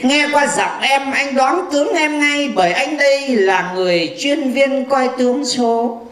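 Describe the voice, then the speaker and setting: A woman's voice: high-pitched, expressive, unhurried. Stage comedy: a woman doing a bragging blind fortune-teller man, mocking tongue, echoey hall. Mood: teasing. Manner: chatty, mocking, full of teasing insults. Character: boastful blind male fortune teller, cheeky.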